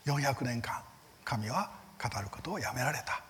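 Lively, emphatic Japanese man teaching. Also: moderate pace, a little hiss or hum. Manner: earnest, emphatic teaching with rhetorical questions; lively rises in pitch on key words, soft fading line ends. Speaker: Bible teacher. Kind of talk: church seminar lecture.

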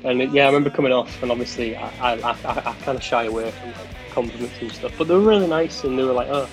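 A man's voice: mid-range voice, rapid-fire, faint music behind. A man in a band telling stories about past gigs in a casual chat, rambling and laughing often. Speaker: band guitarist.

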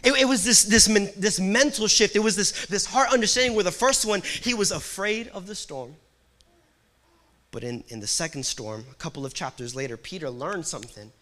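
Young man, pastor, preaching with dynamic hushed-to-loud swings; high, bright voice. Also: expressive, normal speed. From Puerto Rico. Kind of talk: sermon.

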